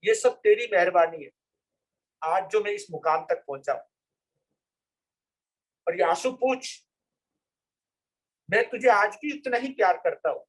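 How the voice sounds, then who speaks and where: A forgiving husband speaks softly and reassuringly, voiced by a man telling a story in a sermon. The voice is very high and tender. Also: a little slow, pauses often, poor audio.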